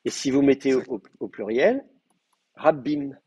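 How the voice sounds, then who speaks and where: Man, teacher, hesitant explanations, husky tone, dry close sound. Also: mid-range voice, big pitch swings, a little fast, warm tone, no echo. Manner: explanatory, frequent hesitations and fillers. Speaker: Hebrew teacher. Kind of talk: live class lecture.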